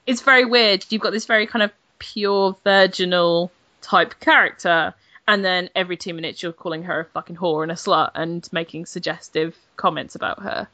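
A young woman in her twenties, a games journalist chatting as a podcast guest, blunt and animated, swearing freely. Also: fairly low pitch, normal speed, no echo, dull audio. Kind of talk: casual podcast chat.

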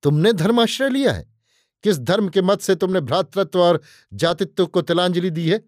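A man's voice: a little high, fairly even intonation, a little slow, a little mellow, no room sound, clean studio sound, lightly acted. A man voicing a proud dying demon prince in a dramatic audiobook reading, roaring at first, then speaking in broken, gasping words. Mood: raging.

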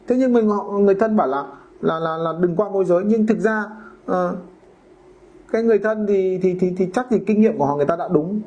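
A man's voice: high-pitched, warm tone, dull audio. A man hosting a casual podcast monologue about real estate brokering, talking colloquially and acting out homeowners and brokers in quoted voices.

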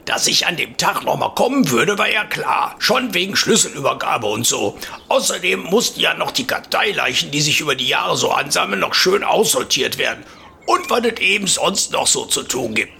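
A man's voice: fairly high pitch, very animated, normal speed, creaky, bright, forceful tone, slight background noise, voice pushed up, full character voice. A man voicing a chatty, folksy old retired grandpa with a Ruhr area German accent, telling rambling comic stories for a podcast. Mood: fond reminiscing.

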